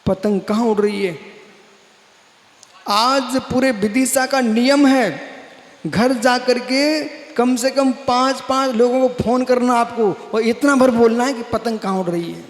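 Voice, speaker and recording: A man's voice: very high-pitched, a little slow. A man giving a live religious sermon as a monk preacher, dramatic and rhetorical, repeating his questions and calling listeners friend. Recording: echoey hall with long reverb.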